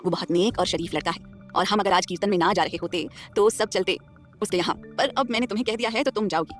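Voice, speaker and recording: A woman's voice: medium pitch, fast, soft background music, voice pushed down, lightly acted. A woman voicing a stern but loving elderly grandmother who runs the family, speaking firmly and with affection. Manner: firm, commanding yet affectionate.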